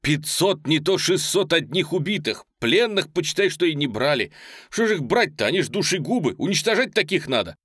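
Storybook role: jubilant young horseman, read by a man, high and breathless. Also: brisk, husky, no echo, studio quality, exaggerated voice. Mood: boastful. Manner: breathless excited reporting.

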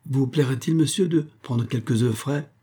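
A man's voice: mid-range voice, normal speed, warm tone, husky, pitched above the performer's own voice, lightly acted. A man reading aloud who voices a timid, flustered young female servant, stammering and deferential. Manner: stammering, repeats "monsieur" anxiously.

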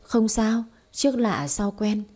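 A woman voicing a feisty, sharp-tongued young wife with a sassy, teasing manner in a storybook reading. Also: mid-range voice, expressive. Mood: boastful. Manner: sassy, teasing, quick retorts.

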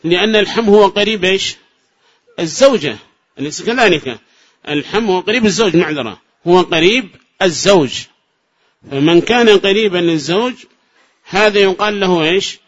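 A grammar teacher from Yemen gives a classroom lecture in a fairly high voice. He keeps checking his listeners with short rhetorical questions and repeats examples slowly. The recording sounds dull and lo-fi. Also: expressive.

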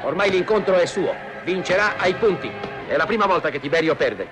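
Male newsreel announcer from an old archive reel; high, declamatory, over music. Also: lively intonation, fairly quick. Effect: old newsreel soundtrack played back. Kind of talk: 1950s newsreel commentary.

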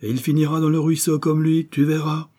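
A man's voice: fairly high pitch, little pitch movement, fairly quick, mellow, pitched above the performer's own voice, lightly acted. A man voicing a harsh, bullying middle-aged husband who growls and hammers his words. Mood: blustering.

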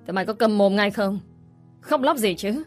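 A woman's voice: mid-range voice, lively intonation, normal speed, faint music behind, lightly acted. Woman reading as a spiteful scolding young woman. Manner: harsh, scolding. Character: spiteful scheming young woman, shrill bully.

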